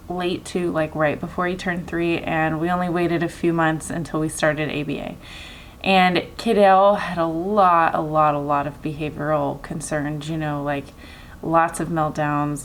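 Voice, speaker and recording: Lower-voiced woman, earnest personal vlog. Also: a little hiss or hum. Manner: earnest, emphatic repetition. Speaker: vlogger and parent. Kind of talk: casual personal storytelling to camera.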